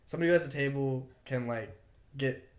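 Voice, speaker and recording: A young man co-hosts a podcast. He tells a story in loose, heated casual talk, full of swearing and "like" fillers. His voice sits at an ordinary pitch and echoes around a roomy space. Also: a little fast. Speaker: podcast co-host. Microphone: podcast mic. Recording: roomy echo.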